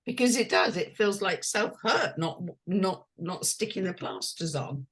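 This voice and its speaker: A woman from London, a transformational coach telling a personal story in a slow, hushed, intimate way. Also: mid-range voice, animated, breathy edge. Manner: slow, hushed and intimate, dwelling on each phrase.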